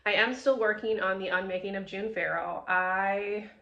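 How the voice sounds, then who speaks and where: A woman's voice: medium pitch, steady tone, normal speed, creaky, muffled recording. A woman giving a casual, chatty vlog update, filmed on a handheld phone in an echoey, mostly empty house. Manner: chatty, rambling, with many fillers. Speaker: reading vlogger. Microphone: phone held in hand.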